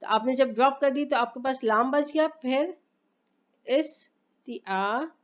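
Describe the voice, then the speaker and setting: A woman teaching Arabic grammar in a slow, explanatory lesson, asking questions and answering them herself and reciting phrases carefully. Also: high-pitched, muffled recording. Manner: patient, repeats points and asks herself questions.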